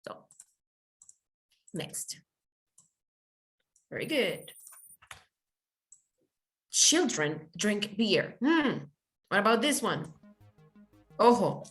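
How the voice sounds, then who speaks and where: A woman's voice: mid-range voice, big pitch swings, drawn-out words, long pauses. Patient woman teaching online. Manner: patient, explains with everyday examples and checks in with students. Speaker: English teacher. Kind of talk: online class, switching between English and Spanish. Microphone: computer mic on a video call.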